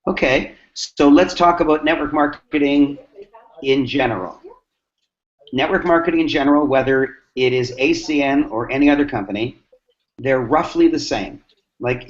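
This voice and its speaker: A man hosting a mastermind talk, answering questions with lively acted-out stories and emphatic repetition. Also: mid-range voice. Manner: animated, acts out dialogue, repeats lines for emphasis. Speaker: host. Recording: dull lo-fi sound.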